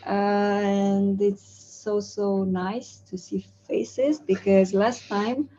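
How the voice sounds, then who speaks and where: Soft-toned woman from Romania, hesitant. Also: medium pitch, fairly even intonation, slow, dull audio, a little hiss or hum. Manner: hesitant, many fillers, laughs often. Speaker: community speaker. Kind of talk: casual meetup talk. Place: large open event room indoors.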